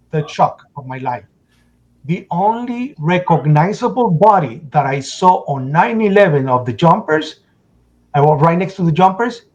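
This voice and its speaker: A man's voice: a little high, dull audio. Man retelling a disaster, urgent. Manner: urgent storytelling, acts out shouts and his own past words. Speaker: interview guest. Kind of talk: emotional first-person testimony.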